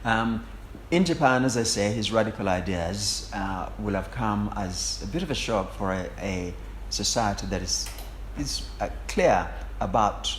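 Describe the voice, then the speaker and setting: Low-voiced male interviewer in an echoey room. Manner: measured, wordy, pausing mid-sentence. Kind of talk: formal interview questioning. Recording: echoey room with faint noise.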